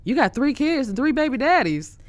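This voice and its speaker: A woman's voice: high voice, big pitch swings, fairly quick, dry recording. A woman interviewer chatting casually, reacting informally and colloquially to her guest.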